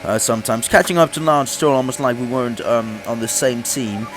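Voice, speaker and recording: Against a noisy background, a young gaming YouTuber talks briskly in a mid-range voice. He says he's sick, his voice a bit off, and he laughs often and restarts sentences while chatting through his racing game career race.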